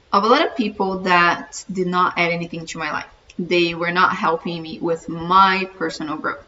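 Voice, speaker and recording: A middle-aged Brazilian woman with a Brazilian Portuguese accent earnestly introduces her channel to camera and encourages viewers in a casual self-introduction. Her voice is lowish, bright and forceful, recorded from a distant mic with a dull, muffled sound and faint room hiss.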